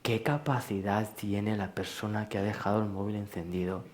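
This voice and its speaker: A man giving a live talk to an audience in a large hall, speaking in a questioning, rhetorical way and gently teasing his listeners. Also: lowish voice, fairly even intonation, normal speed. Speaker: speaker at a public lecture. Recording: roomy hall echo.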